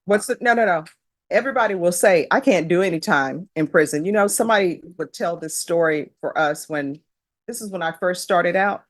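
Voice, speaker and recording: Middle-aged woman judge, lower voice, firm and lecturing, close dry sound. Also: fairly quick, no echo. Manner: firm, lecturing, pointed rhetorical questions. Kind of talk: stern courtroom questioning. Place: courtroom.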